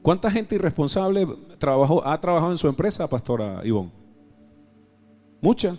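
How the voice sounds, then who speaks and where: Venezuelan pastor preaching a live sermon. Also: male voice, sing-song, moderate pace, faint music behind. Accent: Venezuelan Spanish. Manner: preaching with call-and-response questions to the congregation; emphatic, swings between loud exclamations and soft low asides. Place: church service.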